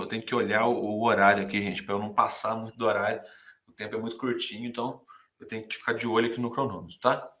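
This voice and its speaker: A man's voice: medium pitch, bright, forceful tone. A Brazilian man teaching a music class, talking to students casually and counting beats aloud. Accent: Brazilian Portuguese. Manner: talks to students directly with many "né, gente", sings and counts beats aloud. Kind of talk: casual recorded lecture. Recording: echoey room.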